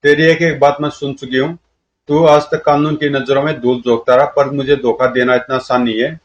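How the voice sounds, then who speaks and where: A man's voice: mid-range voice, flat delivery, fairly quick, close to an everyday voice. A man voicing a fierce female vigilante who interrogates in a commanding way, on dull lo-fi audio. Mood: accusing.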